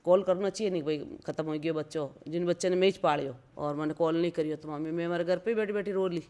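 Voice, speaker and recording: A woman's voice: lowish voice, fast talker, warm tone. Female interviewee, 50s, Marwari accent, clean resonant tone, plain-spoken personal storytelling with emphatic repetition. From rural Rajasthan, India. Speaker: interview guest.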